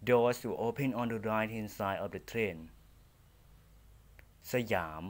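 Slow, clear male train announcer. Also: fairly low pitch. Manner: measured, deliberate, formal enunciation. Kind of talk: prerecorded bilingual train announcements.

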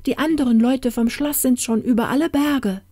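A terrified young cottager wife, as a woman storyteller puts her on, cries out in a high, strained voice. She pleads breathlessly and loudly in this storybook reading. The sound is close and dry. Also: moderate pace, dry recording. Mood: panicked.

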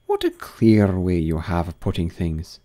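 A man plays an ugly, chummy old noblewoman who finds a moral in everything, using a high, drawn-out, sing-song voice. The heavily acted delivery is mellow, gushing and moralizing, with huge pitch swings.

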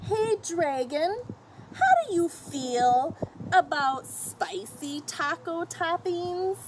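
With an extremely high pitch and a very slow delivery, a middle-aged woman reads a children's picture book outdoors on a fenced patio or deck. Her reading is emphatic and expressive, aimed directly at the children and the story's characters, and the camera audio from a short distance carries faint noise.

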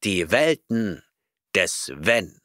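A man's voice: sits low, big pitch swings, extremely slow, a bit bright, no room sound, clean studio sound, exaggerated voice. A man reading an audiobook voices an arrogant, eccentric male professor who lectures impatiently and snorts at his listener.

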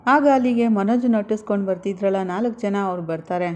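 A woman recounts a soap-opera episode in a steady storytelling voice. Her tone is mellow and warm, never bright, with a medium pitch. She moves through scenes evenly and plainly. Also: fairly quick. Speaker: narrator. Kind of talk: casual retelling of a TV serial episode.

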